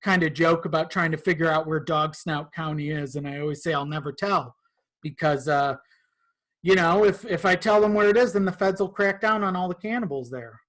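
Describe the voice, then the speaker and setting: His voice a little high, a bit bright, and slightly quick, a man discusses his own horror audio dramas as a podcast guest. The chat is casual and informal, with swearing here and there.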